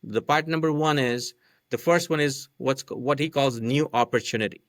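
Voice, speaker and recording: Speaking at a normal speed in a mid-range voice, a non-native English-speaking man chats casually as a podcast guest, walking through a marketing method one step at a time. He frequently asks "right?" to check in. The sound is clean studio quality with no echo.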